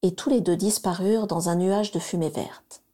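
A woman narrating a children's story aloud in a smooth, even storytelling manner. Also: fairly low pitch, normal speed. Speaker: reader.

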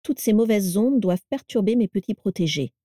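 A woman voicing a cheerful, self-assured elderly mother with a placid, gently mocking manner. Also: mid-range voice, expressive, a little fast, no echo, clean studio sound, natural voice.

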